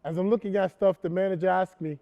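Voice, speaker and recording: A stage actor performing an indignant man with a high, bright voice, telling his story in a theatrical monologue. He is animated and emphatic and repeats himself for effect. He can also become a brash, sarcastic talk show host. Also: quick pace, vocal fry, muffled recording. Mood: indignant storytelling. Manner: animated, emphatic retelling with repetitions.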